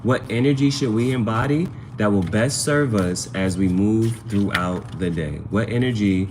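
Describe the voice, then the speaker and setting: Over a noisy background, an amateur tarot reader hosts a casual livestream, talking informally to his viewers at a moderate pace. His voice sits on the low side, and he rambles, repeating phrases to drive points home.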